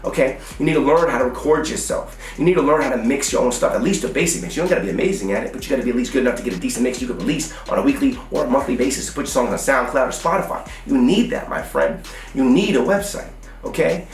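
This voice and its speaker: An American music business coach who sells online courses gives a blunt, emphatic motivational how-to talk full of slangy, repetitive hustler phrasing. His medium-pitched voice has lively intonation and he talks fast. He sounds distant and slightly off the mic, with roomy echo.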